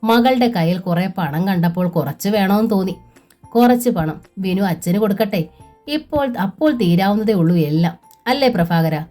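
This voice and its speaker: A woman voicing a kindly older mother-in-law who speaks warmly and reassuringly. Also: medium pitch, expressive, normal speed, soft background music, lightly acted.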